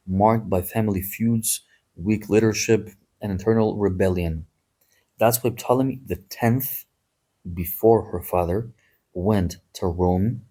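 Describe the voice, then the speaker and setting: A man hosts a history podcast in a loose, conversational manner, drifting into asides and dry jokes. His voice sits low and is a little husky, with a dark, mellow tone. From Greece. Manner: chatty, digressive, wry asides. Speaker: podcast host. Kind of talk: casual history podcast talk.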